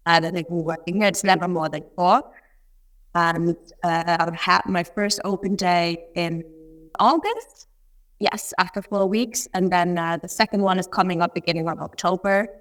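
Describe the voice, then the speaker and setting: A woman artist on a video call, answering interview questions reflectively in thoughtful, hesitant phrasing. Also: on the low side. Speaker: artist in residency, interview guest. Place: remote art residency studio, on a video call.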